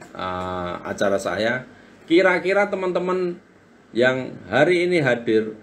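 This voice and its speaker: This live-stream business coach, a man in his forties, hosts a book talk where he chats with his audience and reads their comments out loud to inspire them. His voice is a little high, and there is slight background noise.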